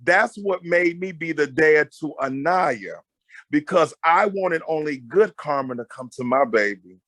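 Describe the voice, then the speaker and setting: As a guest marriage counselor and mentor, a loud, emphatic middle-aged man gives animated, conversational advice, repeating phrases to drive them home. His voice is a little high and unhurried, recorded at studio quality with no echo.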